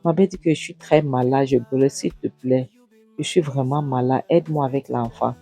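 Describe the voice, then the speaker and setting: A narrator acting out a young wife who apologizes and pleads softly. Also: medium pitch, steady tone, moderate pace, faint music behind, lightly acted. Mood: pleading.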